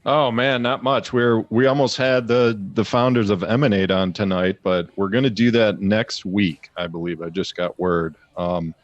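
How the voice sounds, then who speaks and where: A man's voice: on the low side, fairly even intonation, normal speed, few pauses, no echo. A man co-hosting a live music show, explaining things in an easygoing, rambling way. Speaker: co-host. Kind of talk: casual live show chat. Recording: dry, dull lo-fi sound.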